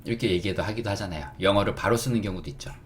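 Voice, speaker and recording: A man teaching beginners English words, patiently asking questions and answering them himself. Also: on the low side. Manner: spells words slowly letter by letter.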